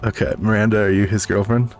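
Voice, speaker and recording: Low-voiced joking male gaming host. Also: little pitch movement, fast, faint music behind. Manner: joking, informal. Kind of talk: casual gaming commentary and chat.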